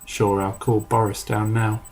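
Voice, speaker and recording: A man's voice: lowish voice, flat delivery, a little slow. A man reading a reassuring office receptionist. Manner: warm, reassuring, gossipy. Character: kind chatty female office receptionist.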